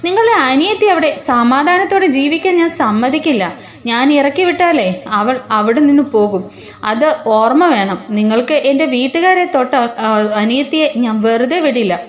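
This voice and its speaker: A woman's voice: sits high, lively intonation, moderate pace. A woman voicing an angry, rude young husband in a retold story, speaking bluntly and scornfully. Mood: threatening. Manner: blunt, scolding. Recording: roomy echo.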